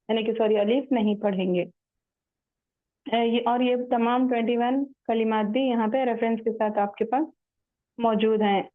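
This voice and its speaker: A woman teaching Quran recitation in an online class, patiently explaining rules step by step and chanting the verses slowly. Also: fairly high pitch, no room sound. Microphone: online call audio. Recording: tinny phone-like line, dry.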